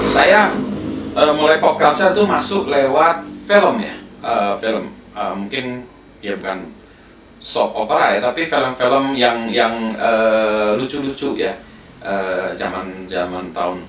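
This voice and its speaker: A man's voice: mid-range voice, a bit bright. Man, fifties, from Indonesia, casual rambling monologue, fillers and restarts, distant mic. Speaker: host. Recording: roomy sound from a distant mic with faint background noise.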